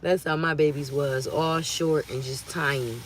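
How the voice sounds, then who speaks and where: A woman, hosting a casual livestream from home, talking straight to her viewers in a lively, preachy way. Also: sits low, a little slow, slight background noise. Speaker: channel host on a livestream.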